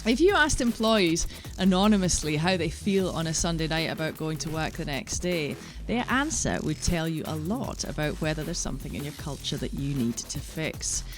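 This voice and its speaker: A woman with a Shetland Scottish accent speaks as a podcast host, introducing and interviewing. Her voice sits a little low for a woman, with music behind it. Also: lively intonation, moderate pace.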